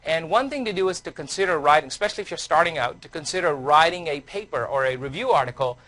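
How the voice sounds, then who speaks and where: A man's voice: fairly high pitch, animated, quick pace, bright, forceful tone. A middle-aged male surgeon giving an academic lecture, telling personal stories in a conversational way with frequent restarts.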